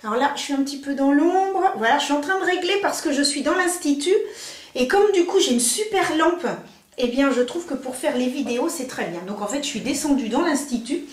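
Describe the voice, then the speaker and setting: A woman's voice: high-pitched, animated, a little fast, echoey room. A middle-aged woman chatting through a makeup tutorial in a beauty salon, gushing and full of fillers. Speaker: beauty vlogger. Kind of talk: casual makeup tutorial chat.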